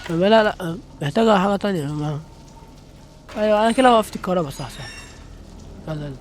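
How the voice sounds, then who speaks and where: A young man with an Egyptian Arabic accent hosts a gaming channel, his high, expressive voice racing very fast over slight background noise. He gives jumpy let's-play commentary, exclaiming to viewers as he plays.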